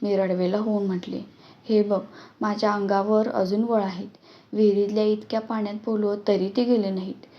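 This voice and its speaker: A woman's voice: mid-range voice, flat delivery, normal speed, natural voice. Scared, sulky village boy from a storybook, read by a woman, pleading and hurt, with dull lo-fi sound.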